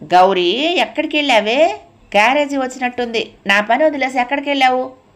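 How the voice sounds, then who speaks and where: A woman voicing a bossy elderly woman who scolds loudly and drags her words out. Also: medium pitch, close to an everyday voice. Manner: loud, scolding, drawn-out. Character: bossy elderly woman, sharp-tongued, shouting orders.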